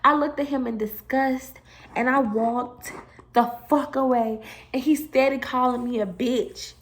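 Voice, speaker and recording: Young woman, high voice, lively storytime vlogger who swears freely. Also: measured pace. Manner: animated and emotional, swearing, addressing viewers as y'all. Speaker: beauty vlogger telling a storytime. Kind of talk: casual storytime.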